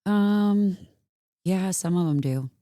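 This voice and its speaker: Low-voiced, dark-toned woman podcast co-host. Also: slow, dry recording, studio quality. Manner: chatty, upbeat, fillers like "like" and "right?". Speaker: yoga teacher and podcast co-host. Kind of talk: casual podcast chat.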